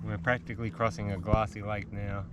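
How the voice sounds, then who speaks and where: A man with a fairly low voice talks in a relaxed, joking way and laughs often. He is outdoors on a lake. Loud water and paddling noise sits under his voice. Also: fairly quick. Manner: chatty, laughs often, jokey. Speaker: vlog host. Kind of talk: casual chat on a camping trip.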